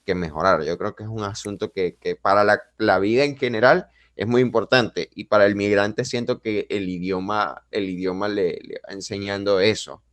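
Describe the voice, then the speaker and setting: A man's voice: on the low side, steady tone, moderate pace, hardly any pauses, a bit bright, no echo. A Venezuelan man hosting a podcast interview, talking in a reflective, chatty way with some self-deprecating humor. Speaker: podcast host. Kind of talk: casual interview chat.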